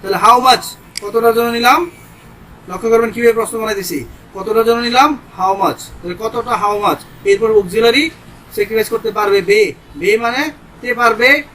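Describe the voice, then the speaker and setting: A man's voice: sits high, normal speed, a bit bright, slight background noise, low-quality recording. A man with a Bangladeshi accent teaching English grammar in a casual, step-by-step way, sweating in a hot room and switching between Bengali and English examples. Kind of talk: informal grammar lesson.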